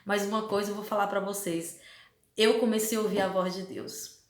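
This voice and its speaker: A woman's voice: medium pitch, steady tone, brisk. A woman giving a personal religious testimony at church, emotional and repeating phrases for emphasis. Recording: echoey hall.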